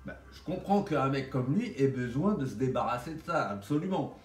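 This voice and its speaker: A man's voice: mid-range voice, lively intonation, moderate pace. A man with a slight lisp and whistled S sounds, rambling bluntly and casually in slang like a vlogger. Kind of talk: casual vlog monologue. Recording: roomy echo, distant microphone.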